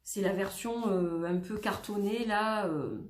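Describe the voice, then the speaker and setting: A woman's voice: medium pitch, measured pace, echoey room. A woman with a French accent chatting casually as she shows her tarot decks, rambling with many fillers and self-corrections. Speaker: tarot vlogger.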